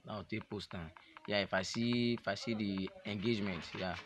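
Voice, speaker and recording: A man's voice: fairly low pitch, fairly even intonation, moderate pace, noisy background. A young Nigerian man chatting casually to his vlog audience, joking and rambling, slipping into pidgin. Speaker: vlogger. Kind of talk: casual chat to camera.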